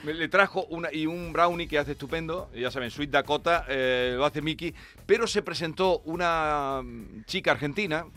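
A man's voice: on the high side, normal speed, fairly bright tone. A man hosting a radio chat, rambling and hesitating as he tells stories and teases the guests. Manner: rambling, hesitant, playful teasing. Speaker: radio host.

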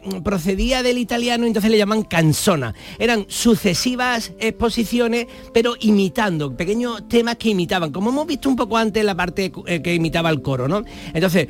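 A man's voice: sits high, expressive, fairly quick. A man explaining music forms on a radio show in a playful, joking way. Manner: playful, explanatory, acts out little jokes. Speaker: music teacher. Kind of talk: radio chat.

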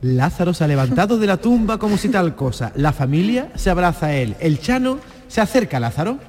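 A man's voice: high-pitched, sing-song, brisk, a little mellow, in a large hall, a little hiss or hum. Man narrating a comedy sketch.

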